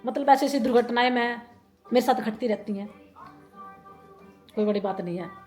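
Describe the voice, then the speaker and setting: A somewhat high-voiced woman from India tells a story in a casual vlog, rambling and repeating herself as she goes. She breaks into laughter often, and faint music plays softly behind her. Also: normal speed. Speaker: vlogger.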